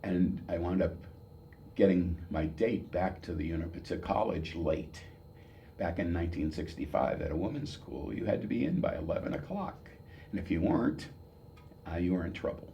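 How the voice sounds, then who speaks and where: Male, 70s, American. Old veteran reminiscing in oral-history interview; deep, soft-edged tone, unhurried searching delivery with repeats, faintly noisy recording. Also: lively intonation, vocal fry, muffled recording. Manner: halting, reminiscing, with pauses and repeated words. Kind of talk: old veteran remembering, unscripted personal storytelling.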